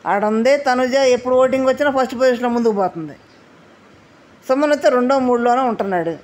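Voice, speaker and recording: A woman's voice: a little high, quick pace, a little mellow. A woman giving casual commentary on a reality show, chatty and often asking viewers to leave comments.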